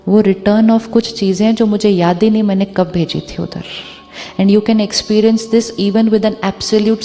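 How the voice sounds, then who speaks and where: A woman spiritual teacher giving a talk to an audience, mixing Hindi and English, slowing down on the English phrases and asking rhetorical questions. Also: medium pitch, warm tone, long reverb tail.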